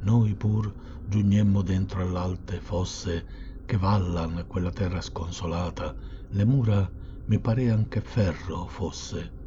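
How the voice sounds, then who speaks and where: Man reading old poetry, low and slow, measured and dramatic, muffled hissy recording. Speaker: reader. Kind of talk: recitation of classic verse. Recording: dull recording with steady hiss.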